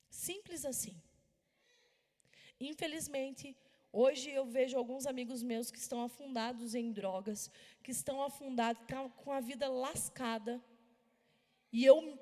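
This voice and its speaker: A Brazilian woman preaches in a lively, storytelling way, breaking into sudden loud bursts. Her voice sits a little high for a woman. It rings out with a long reverb, as in a church hall. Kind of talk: sermon.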